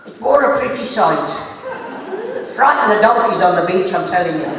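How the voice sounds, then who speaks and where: A woman's voice: fairly low pitch, lively intonation, normal speed, far from the mic, crowd noise. Chatty woman, echoey hall. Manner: chatty, gossipy, laughs at her own jokes. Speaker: stand-up comic. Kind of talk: comic storytelling on stage. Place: live stage show in a hall.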